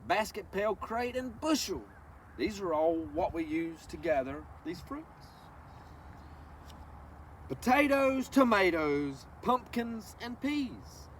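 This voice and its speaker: With a high voice, a male presenter reads a picture book to children, unhurried and very animated. His approach is instructive and folksy, speaking to the listeners directly with asides and questions. The mic is placed at some distance and catches faint background noise.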